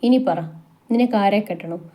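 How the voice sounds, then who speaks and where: A woman's voice: medium pitch, moderate pace, warm tone, natural voice. A woman voicing a mocking, scheming young man in a storybook tale, speaking in a taunting way. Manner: sneering, taunting.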